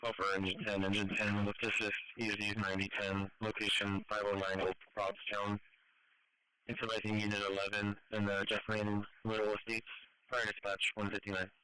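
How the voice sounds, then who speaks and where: A man's voice: fairly low pitch, completely flat delivery, brisk, crowd noise, poor audio. A man speaking in terse emergency radio traffic over a two-way radio.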